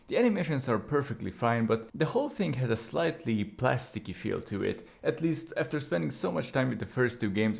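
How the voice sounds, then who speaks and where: Male narrator, scripted game review, gravelly texture, dry opinionated delivery. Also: medium pitch, a little mellow. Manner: opinionated, wry asides.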